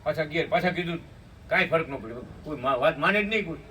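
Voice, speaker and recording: Male preacher, narrates and chants slowly, voice set back from the mic. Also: on the high side, animated, a bit bright. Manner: tells a story, breaks into slow chanted hymn lines, asks listeners "hum?". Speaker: spiritual speaker at a satsang. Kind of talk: devotional storytelling sermon with sung hymns. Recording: distant mic with faint room noise.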